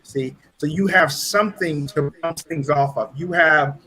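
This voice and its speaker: A man's voice: fairly high pitch, unhurried, sharp tone, husky, poor audio. A man from Trinidad with a Trinidadian accent, a pastor and guest, telling his story in an earnest, reflective way. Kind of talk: casual chat.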